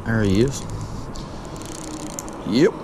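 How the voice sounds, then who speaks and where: Middle-aged angler, folksy and excitable, action-cam audio with steady outdoor noise. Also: male voice, mid-range voice, very slow. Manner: folksy, excitable when fish bite. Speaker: fishing vlogger. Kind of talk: casual outdoor commentary. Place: small boat on a lake under a bridge, outdoors. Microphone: body-worn action camera.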